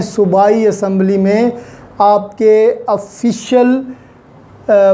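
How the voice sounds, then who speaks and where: A law lecturer with a Pakistani accent teaches in a didactic style, repeating key points and mixing in English legal terms. His voice is medium in pitch and warm.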